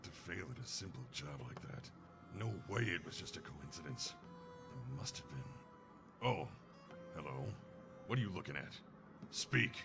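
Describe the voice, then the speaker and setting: A man voicing a grim, weary mercenary in a game, talking curtly and gruffly. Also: a bass voice, expressive, measured pace, long pauses, over music, exaggerated voice. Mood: brooding. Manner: gruff, brooding, curt. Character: grim weary male mercenary searching for his wife. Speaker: game character. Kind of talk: game voice acting.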